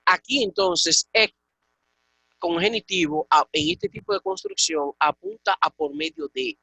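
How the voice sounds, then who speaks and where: A man's voice: very high-pitched, wildly swooping pitch, measured pace, creaky, bright, forceful tone, slightly rough, no room sound. A man from the Dominican Republic teaching a Koine Greek class, explaining patiently and checking in with his students. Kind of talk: online class lecture.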